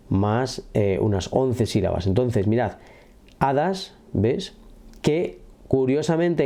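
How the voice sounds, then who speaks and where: A middle-aged man teaching a poetry lesson, with a mellow, warm tone and an animated delivery that keeps stopping to check that his listeners follow. He walks through the rhyme scheme patiently, like a teacher at the board. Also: medium pitch. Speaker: literature teacher. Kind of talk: classroom lesson explaining a poem.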